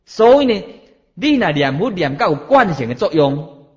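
A middle-aged man delivers a Buddhist sermon in a slightly high voice, stretching phrases out and asking rhetorical questions as he preaches. His pitch rises and falls in lively swings. The recording sounds dull and lo-fi. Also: normal speed.

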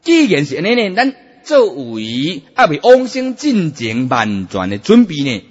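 A man preaching a Buddhist sermon, emphatic and animated, drawing out his sentence-end particles. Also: fairly high pitch, a little slow, breathy edge. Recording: dull, echoey hall sound.

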